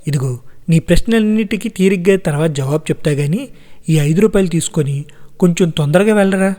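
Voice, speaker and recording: A man doing a brisk teasing grandmother. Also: on the high side, warm tone, lightly acted. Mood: fond. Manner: scolding yet affectionate. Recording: long reverb.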